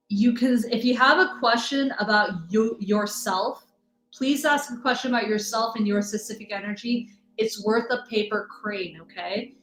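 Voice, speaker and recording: A woman's voice: on the high side, fairly bright tone. Chatty woman live-stream host, rambling and greeting viewers, in an echoey room. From US Midwest. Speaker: livestream host, energy reader. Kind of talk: casual live-stream chat. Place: home room in Texas. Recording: echoey room, faint music.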